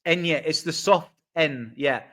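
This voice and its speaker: A man chats as a guest on a casual online show, telling stories with playful self-mockery. His voice sits a little higher than most men's, and he talks in a relaxed, easygoing way. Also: quick pace. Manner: playful, self-mocking storytelling. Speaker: guest, host of his own channel.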